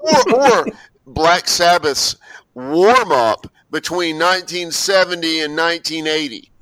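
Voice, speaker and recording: A man's voice: a little high, measured pace, pushed and bright, dry recording, poor audio. A man co-hosting a casual music podcast, joking and sardonic, stammering now and then, recorded close on a home mic. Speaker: podcast co-host.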